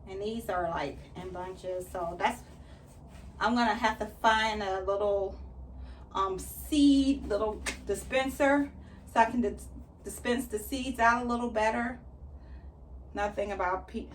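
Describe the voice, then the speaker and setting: A woman's voice: mid-range voice, a little hiss or hum. Chatty woman, slightly distant mic. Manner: chatty, explains each step as she works. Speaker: gardening vlogger. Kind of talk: casual how-to chat while working.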